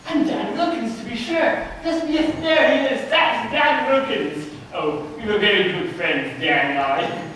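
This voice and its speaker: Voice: mid-range voice, lively intonation, unhurried, a bit bright, slight background noise. An actor playing a wistful old man fondly recalling old friends, on a stage. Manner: wistful and fond. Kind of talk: stage play acting. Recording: echoey hall, far from mic.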